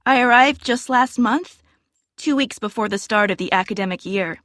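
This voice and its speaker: A woman's voice: a little high, normal speed, a bit bright, no echo, clean studio sound, natural voice. A woman playing a cheerful young student. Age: 20s. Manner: friendly, answers clearly and spells things out. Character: young female student joining a club. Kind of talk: scripted exam listening recording.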